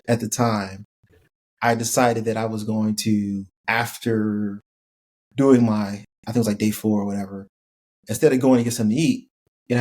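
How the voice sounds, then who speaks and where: Laid-back man telling a story. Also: fairly low pitch. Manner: relaxed, laughing, lots of "like" fillers. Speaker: podcast guest, former college football player. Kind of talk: casual storytelling interview.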